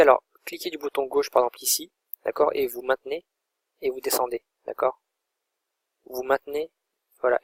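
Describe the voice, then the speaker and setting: Casual, husky-voiced man walking through software. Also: medium pitch, dry recording. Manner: informal, thinks aloud while clicking. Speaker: online course instructor. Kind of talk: screen-recorded software tutorial.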